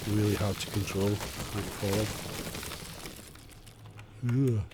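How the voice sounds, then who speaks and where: A man's voice: on the low side, steady tone, takes it slowly, heavy background noise. Man chatting through a build stream. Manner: chatty, muttering while building, self-deprecating. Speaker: game streamer. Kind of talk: casual live-stream tutorial commentary. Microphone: desk condenser microphone.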